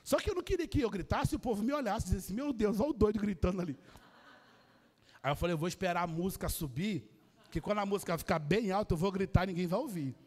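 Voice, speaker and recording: Brazilian male preacher, high-pitched, animated sermon delivery, long church reverb. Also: fast. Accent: Brazilian Portuguese. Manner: animated storytelling, addresses the congregation.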